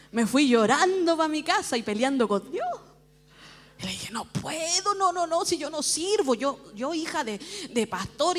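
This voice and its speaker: Very high-voiced woman pastor, echoing church hall. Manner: lively storytelling, laughing at herself. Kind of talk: personal testimony sermon. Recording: long church hall reverb.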